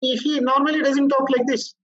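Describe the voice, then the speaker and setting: A male corporate trainer lecturing a workshop group, explaining in a halting way with frequent restarts. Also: very high voice, flat delivery, a bit bright, muffled recording.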